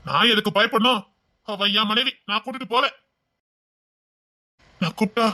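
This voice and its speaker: A woman's voice: a little high, moderate pace, sharp tone, pitched below the performer's own voice. A woman voicing a protective young husband in a cartoon, firm and reassuring.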